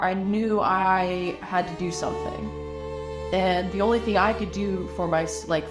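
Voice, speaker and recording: A Lebanese artist with a fairly low-pitched voice speaks in a documentary interview. She sounds reflective and halting, often restarting her sentences.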